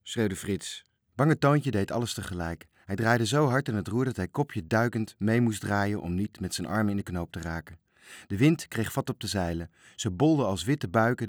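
A man narrating a children's storybook aloud, reading expressively and slowing down at the sad moments. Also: fairly low pitch, no room sound, studio quality.

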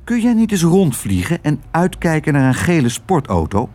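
A man voicing a worried but hopeful young girl in a storybook, soft and earnest. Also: fairly high pitch, sing-song, normal speed, voice pushed up.

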